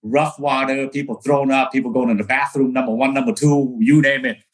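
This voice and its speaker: A man's voice: medium pitch, fairly even intonation, a little fast. A man from Vietnam, a real estate broker telling his story in a casual interview, earnest, with many fillers and restarts.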